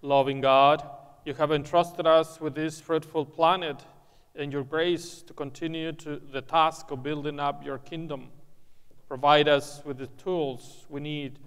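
A man leading prayers at Mass as priest, reciting in a solemn, measured way, with a cathedral echo around his voice. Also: fairly high pitch, steady tone, fairly bright tone, clean tone. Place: large church. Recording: long echoing church reverb.

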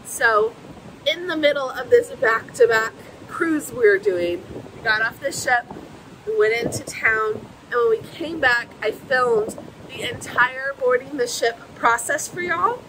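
This casual vlog comes from an American woman in her thirties filming herself with a phone at arm's length on a ship deck and at a port terminal. Her voice is fairly high and unhurried, chatty as she explains every step, with background noise present.

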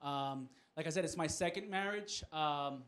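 A man's voice: a little high, moderate pace, fairly bright tone. A man from New York doing a stand-up comedy set, talking conversationally and making asides to the audience.

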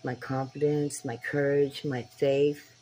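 Older woman, 60s, low-voiced and unhurried, earnest direct-to-camera vlogger on a phone mic, faint background hiss. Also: little pitch movement, mellow, rough recording. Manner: earnest, preacher-like, addresses viewers directly. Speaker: spiritual tarot vlogger. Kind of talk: casual talk to camera. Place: small dim room indoors. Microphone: phone camera at arm's length.

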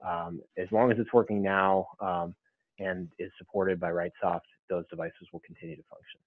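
A man's voice: sits low, lively intonation, moderate pace. A man answering audience questions in a webinar, explaining at length with frequent ums and restarts. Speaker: webinar panelist. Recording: phone-like dry line.

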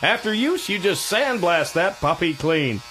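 A man delivering a parody infomercial with hyped salesman patter and deadpan innuendo. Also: high-pitched, unhurried, a little hiss or hum. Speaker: spoof commercial announcer.

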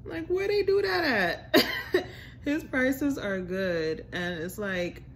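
Reviewing a restaurant for her vlog, a young adult woman with an American accent talks informally and casually to camera. She sounds high, animated and fairly bright, though her pace stays slow. A faint hiss or hum runs under the audio, recorded indoors in a home room with a staircase.

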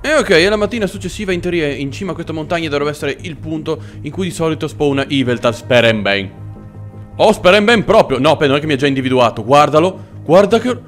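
A man hosting a let's play, giving excitable gameplay commentary, swearing a lot and chatting with the creatures on screen. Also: fast talker, soft background music. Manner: jumps into squeaky cooing over cute creatures. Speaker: gaming channel host.

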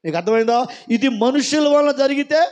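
A man's voice: extremely high pitch, lively intonation, a little fast, a little mellow. A man preaching a sermon, emphatic, repeating rhetorical questions to his listeners. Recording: dull lo-fi recording.

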